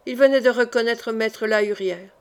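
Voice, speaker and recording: A woman narrates a classic novel as an audiobook. Her delivery is measured and dramatic. Her voice sits somewhat high. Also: clean tone. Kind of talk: scripted narration.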